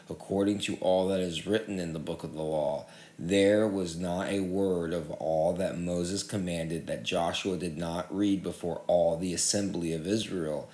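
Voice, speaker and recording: A man giving a measured, steady public reading of Bible passages. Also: low-pitched, reverberant. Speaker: scripture reader.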